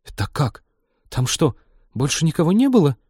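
A man's voice: a little high, big pitch swings, normal speed, breathy edge, no room sound, clean studio sound, pitched above the performer's own voice. A man doing an exasperated young woman. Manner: exasperated, sharp. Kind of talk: audiobook character voice.

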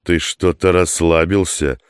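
A man's voice: deep voice, steady tone, a little slow, clean tone, dry recording, studio quality. A man reading the part of an impatient, grumbling armed man in an audiobook.

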